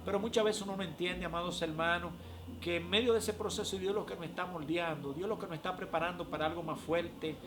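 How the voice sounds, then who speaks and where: Emotional prophet, high voice. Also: male voice, fairly even intonation, quick pace, background noise. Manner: emotional, frequent "eh" fillers. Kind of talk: religious testimony.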